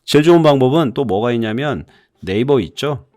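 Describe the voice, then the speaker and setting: A man's voice: mid-range voice, expressive, fairly quick, mellow, no room sound, clean studio sound. A middle-aged man teaching an English phonics lesson in a chatty, explanatory way, often repeating points for emphasis.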